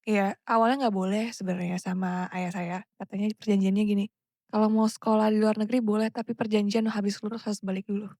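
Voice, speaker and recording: A woman from Surabaya, in her thirties, guests on a casual podcast interview. She speaks in a chatty, relaxed way and moves freely between Indonesian and English. Her voice sits at a middle pitch, recorded dry and close. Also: fast, no echo. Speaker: guest, climate strategy executive.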